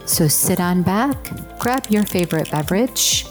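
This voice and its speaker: A woman from the United States speaks in a moderately low voice as a podcast host. She moves between introducing the show and relaxed, conversational interviewing. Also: unhurried, faint music behind.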